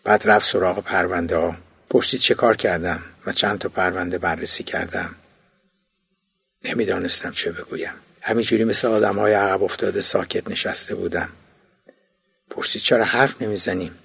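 A man, the author, reading his own memoir as an audiobook in a recording studio, in a low, subdued storytelling manner. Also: fairly even intonation, vocal fry, fairly bright tone, husky, no room sound.

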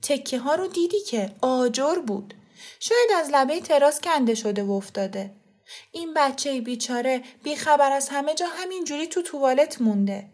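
A woman voicing a sharp-tongued, defensive middle-aged mother in an audiobook, talking in a heated way. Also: high-pitched, lively intonation, voice pushed up. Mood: defiant.

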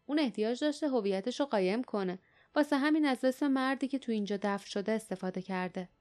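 A woman voicing a thoughtful teenage boy in an audiobook, speaking quietly and slowly. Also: fairly high pitch, close to an everyday voice. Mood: musing. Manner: quiet, slow, musing.

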